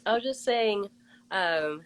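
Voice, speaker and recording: A woman hosting a casual interview, chatty and bubbly and quick to laugh as she tells stories and asks questions. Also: medium pitch, expressive, rough recording. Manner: bubbly, giggly, chatty storyteller. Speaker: host.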